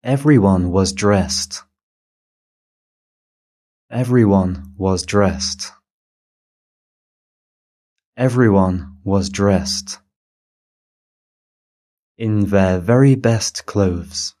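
A man reads a dictation exercise at a very slow, measured pace. He says each phrase several times and speaks the punctuation marks aloud. His voice sits low and mellow. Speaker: dictation reader.

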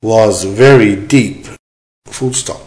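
A man reading a dictation exercise as a teacher, in short, measured, deliberate phrases with punctuation spoken aloud. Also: fairly low pitch, darkish tone, poor audio. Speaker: language teacher giving dictation.

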